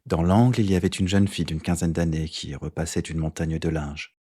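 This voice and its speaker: A man narrating a first-person literary audiobook in a measured, even delivery. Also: sits low, husky.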